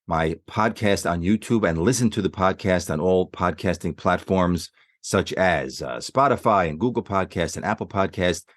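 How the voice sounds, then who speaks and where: Male podcast host, deep voice, dry close sound, eager interviewer. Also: no echo. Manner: enthusiastic, complimentary. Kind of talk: casual interview.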